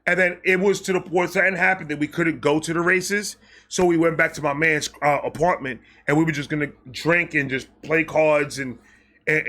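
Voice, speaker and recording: A man hosting a storytime vlog, telling a personal story in a casual, animated and profane way, often restarting and repeating himself. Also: on the high side. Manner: animated, profane and self-mocking, with frequent restarts and repeated phrases.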